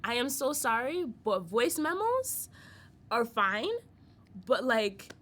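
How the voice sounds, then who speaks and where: A young woman hosting a casual podcast chat, talking quickly with lots of "like" and frequent laughter. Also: on the high side, sing-song, a bit bright. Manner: chatty, laughs often, heavy use of "like". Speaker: podcast host.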